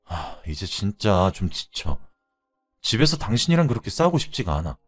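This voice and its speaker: Casting: man doing a tired, placating husband, low and slow. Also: sing-song, faint music behind. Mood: weary. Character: weary, sheepish husband backing down.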